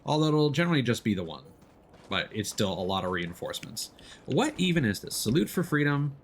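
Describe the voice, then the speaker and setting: With big pitch swings in a medium-pitched voice, a man streams a game and explains it casually as he plays, a touch fast and easygoing. Game sounds are audible, plus slight background noise.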